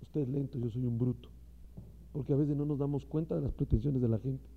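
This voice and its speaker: A man's voice: mid-range voice, steady tone, brisk, big-room sound. A man preaching a sermon to fellow ministers, impassioned and speaking straight to his listeners. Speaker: pastor. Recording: dull lo-fi recording.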